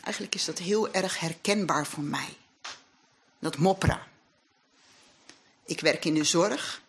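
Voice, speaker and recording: A woman's voice: fairly low pitch, normal speed, creaky, fairly bright tone, a little hiss or hum. A woman giving an earnest, reflective sermon in a church hall, weaving scripture with her own experience. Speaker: lay speaker at a congregation. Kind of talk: sermon with personal testimony.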